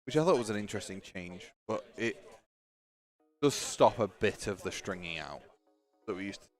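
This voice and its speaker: A man's voice: fairly low pitch, expressive, moderate pace, soft background music. Chatty man commentating a tabletop game. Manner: chatty, joking, runs the stream tech while talking. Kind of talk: casual live-stream commentary.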